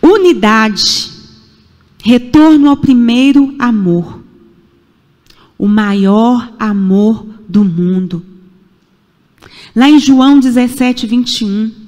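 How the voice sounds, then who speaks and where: This sermon comes from a woman in her forties from Brazil, speaking with a Brazilian Portuguese accent in a church sanctuary whose hall echoes. She talks very slowly with long pauses, her pitch on the high side and her tone somewhat dark. She repeats herself emphatically and asks rhetorical questions.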